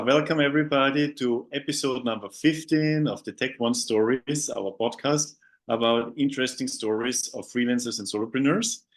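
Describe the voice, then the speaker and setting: Halting man hosting a podcast. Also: medium pitch, fairly bright tone. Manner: halting, restarts and repeats words. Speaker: podcast host. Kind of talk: conversational interview.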